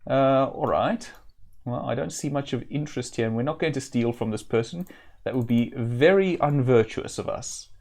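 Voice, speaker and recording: A man's voice: mid-range voice, moderate pace, creaky, a little mellow. Man casually streaming with dry asides. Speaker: game streamer. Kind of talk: casual game commentary and reading aloud.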